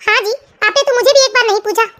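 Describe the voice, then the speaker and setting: A woman's voice: very high-pitched, quick pace, bright, forceful tone. A woman voicing a worried homely mother and wife in a cartoon family story, plaintive and complaining.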